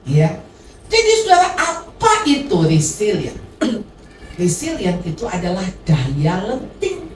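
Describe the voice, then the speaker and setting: A middle-aged woman pastor preaching a sermon, addressing the congregation directly in a lively way. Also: mid-range voice, slow, slight background noise. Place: church hall. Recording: echoey hall, voice from a distance.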